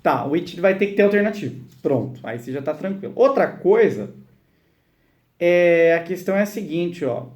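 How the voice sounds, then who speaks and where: A man's voice: high voice, expressive, moderate pace, darkish tone. A man teaching English in a live online class, patiently explaining and acting out short example dialogues.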